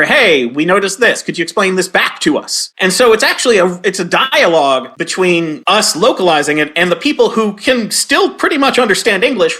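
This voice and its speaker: Bright, animated man telling stories. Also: sits high. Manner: animated, acts out quoted lines in a raised voice. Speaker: guest, game localizer and comedy writer. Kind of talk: conversational interview storytelling.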